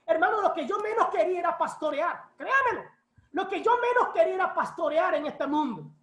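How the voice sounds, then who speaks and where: High-voiced woman preaching in an echoey church. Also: brisk. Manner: lively storytelling, acts out quoted voices. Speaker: pastor. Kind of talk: preaching a personal testimony. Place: church hall.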